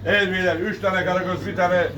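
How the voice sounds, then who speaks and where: High-voiced male fish auctioneer, distant mic. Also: little pitch movement, fast. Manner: repetitive sing-song auctioneer calls to the crowd. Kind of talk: auctioneer calling weights, prices and bids. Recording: distant mic, noisy market, birds cooing.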